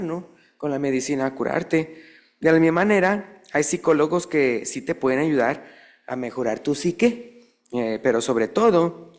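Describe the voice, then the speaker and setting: A man's voice: fairly high pitch, darkish tone. A man teaching a church Bible class in a conversational way, often tossing rhetorical questions to the listeners. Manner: chatty, peppers talk with rhetorical questions; acts out little quoted dialogues.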